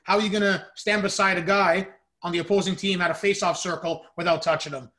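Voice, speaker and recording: Man, high-pitched voice, podcast host, casual sports chat. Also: steady tone, fast, sharp tone.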